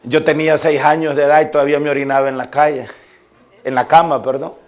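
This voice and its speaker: A man's voice: a little high, little pitch movement, fast talker. A male pastor with a Salvadoran accent preaching a sermon to a congregation, telling homely personal stories and driving home his points with emphasis. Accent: Salvadoran Spanish. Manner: folksy anecdotes addressed to listeners, rising to emphatic preaching.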